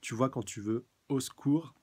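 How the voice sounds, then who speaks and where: A man voicing a sadistic, cruel male villain in a flat, mocking read. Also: mid-range voice, normal speed, slightly rough, close to an everyday voice. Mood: taunting.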